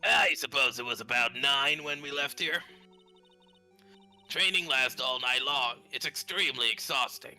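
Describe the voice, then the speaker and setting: A man voicing a flirty, teasing head nun with slow, theatrical movie-villain menace in a playful game read-aloud. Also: medium pitch, sharp tone, faint music behind. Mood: slow, ominous.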